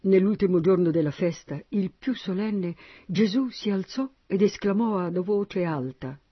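A man narrating a Bible passage in a steady, slightly husky voice. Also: high-pitched, measured pace, no room sound, dull audio. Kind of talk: Bible reading.

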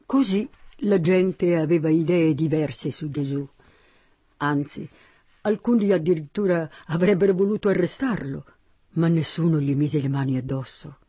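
A man narrating a Bible passage in a steady, slightly husky voice. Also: fairly high pitch, normal speed, dry recording, muffled recording. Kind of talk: Bible reading.

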